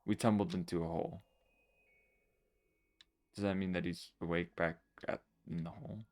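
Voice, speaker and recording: A man voicing a protective older sister who is a reaper, speaking quietly and somberly in a game. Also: low voice, fairly even intonation, moderate pace. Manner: quiet, somber, subdued reading. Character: protective teenage girl reaper, guarded.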